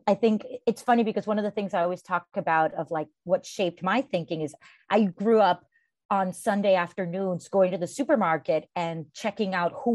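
A woman from Costa Rica, a venture capital founder, answering interview questions in a measured, storytelling way. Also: lowish voice, a little mellow, no echo. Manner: measured storytelling with occasional fillers.

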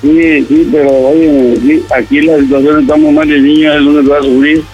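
A middle-aged Mexican man on a phone call, insistent and repeating himself as he pleads for calm. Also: a little high, normal speed, soft background music. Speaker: prank call target, father.

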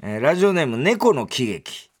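A man hosts a radio talk show, reading listener mail and joking around with his co-host. His pitch swings widely from high to low as he talks. His delivery is playful and teasing. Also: sing-song, normal speed, husky. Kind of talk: casual radio chat.

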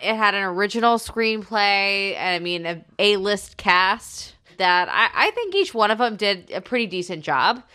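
A woman's voice: mid-range voice, animated, moderate pace, hardly any pauses, sharp tone, clean tone. A woman co-hosting a casual movie review chat, chatty and given to hesitant restarts. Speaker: podcast co-host reviewing films.

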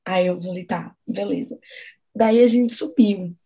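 A woman's voice: mid-range voice, measured pace, creaky, mellow, a little hiss or hum. A Brazilian woman co-hosting a podcast, talking in a rambling, emotional way with nervous laughs. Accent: Brazilian Portuguese. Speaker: podcast co-host. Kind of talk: casual conversation.

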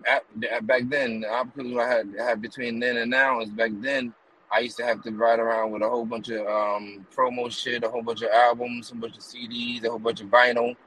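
A man's voice: medium pitch, little pitch movement, a little fast, pushed and bright, a little hiss or hum, rough recording. A man from the US East Coast, a rapper and promoter telling long rambling stories in a casual interview while riding in a car. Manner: rambling run-on stories with many fillers and "you know what I mean". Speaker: guest, rapper and music promoter.

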